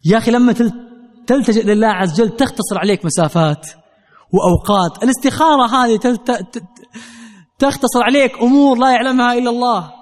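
A man's voice: extremely high pitch, fast, big-room sound. A man preaching a sermon, telling a story and earnestly addressing his listeners directly.

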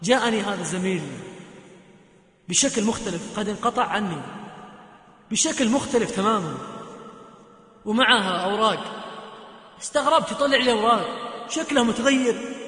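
A man preaching through a story, earnest, dropping to hushed tones at grave moments. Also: sits high, moderate pace, long pauses. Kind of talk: sermon storytelling. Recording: echoey hall reverb.

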